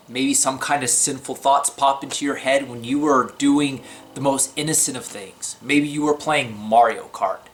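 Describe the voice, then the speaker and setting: Man, casual religious vlog talk, slightly shaky voice, middle pitch, loose with fillers. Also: a bit bright. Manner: chatty, unscripted, with many fillers and restarts.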